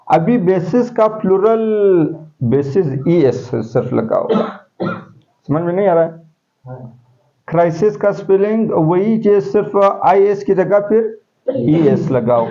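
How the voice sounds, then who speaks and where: A man teaching a class, speaking in a somewhat high voice that he keeps throwing out as questions for his students. The lo-fi recording sounds dull and muffled. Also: animated, takes it slowly, dark tone. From Pakistan. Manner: explains step by step, asking the class questions. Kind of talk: classroom lecture.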